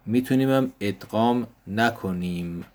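A man teaching an Arabic grammar lesson, explaining step by step and repeating each example word slowly. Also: lowish voice. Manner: slow, deliberate explanation, repeating example words.

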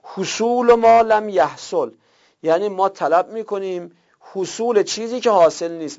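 A male teacher explains grammar patiently, pausing to check understanding with rhetorical questions. His voice sits a little high and has a gravelly edge. The recording is dull and lo-fi. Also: darkish tone. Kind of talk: classroom grammar lecture.

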